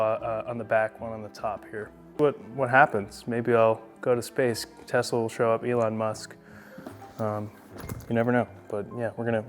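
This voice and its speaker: A man hosting a casual unboxing vlog, joking and rambling in an offhand way. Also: mid-range voice. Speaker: host.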